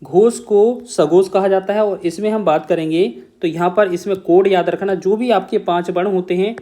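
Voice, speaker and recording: A man's voice: high voice, fairly even intonation, moderate pace, mellow. A man teaching an exam-prep lesson on Hindi grammar, explaining step by step, repeating key points and checking in with the listener.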